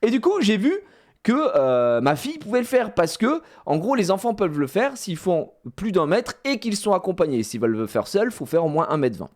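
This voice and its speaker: Male streamer in his thirties, loose slangy storyteller, lively voice that leaps up and down. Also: high voice, normal speed. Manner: rambling, many fillers and restarts, slangy. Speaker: streamer recounting a theme park outing. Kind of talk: casual live-stream storytelling.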